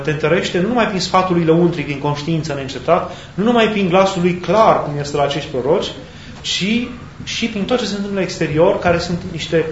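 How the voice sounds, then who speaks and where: A man preaching a sermon in a thoughtful way, pausing and searching for words as he goes. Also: on the high side. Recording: echoey, dull sound with faint background hiss.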